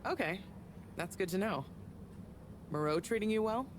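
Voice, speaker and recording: An actress voicing Bridget, a friendly, talkative energy consultant who chats in a breezy, upbeat way. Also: female voice, mid-range voice, animated, normal speed, natural voice. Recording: game audio with ambient noise.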